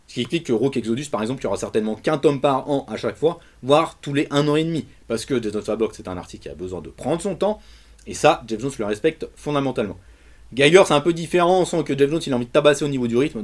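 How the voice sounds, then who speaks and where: A man hosts a casual video review, talking fast and loose with plenty of slang. His delivery is animated and emphatic. He speaks at an ordinary middle pitch. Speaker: comics reviewer.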